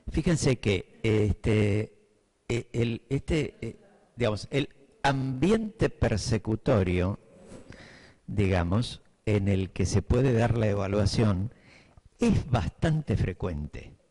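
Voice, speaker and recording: A man's voice: on the low side, darkish tone. A middle-aged man with a Buenos Aires accent giving a class to teachers, thinking aloud with fillers and often checking that his listeners follow. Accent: Buenos Aires Spanish. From Buenos Aires, Argentina. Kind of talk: lecture to teachers.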